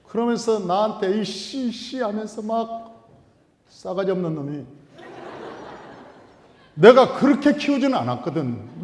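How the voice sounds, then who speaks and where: In a church sanctuary with echoey hall acoustics, a high-voiced male pastor delivers a storytelling sermon, swinging between hushed asides and loud, emphatic outbursts.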